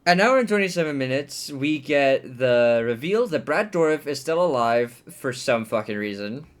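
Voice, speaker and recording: A man reviewing a movie he hates, ranting with heavy swearing. He swings between loud outbursts and low, fed-up mutters. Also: expressive, normal speed.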